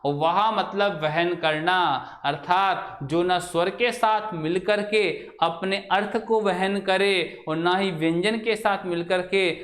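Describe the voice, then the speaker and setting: A man's voice: high voice, steady tone, slow pace, few pauses, a bit bright. A man teaching a grammar lesson to a class. He keeps asking questions and then answering them himself. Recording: echoey room.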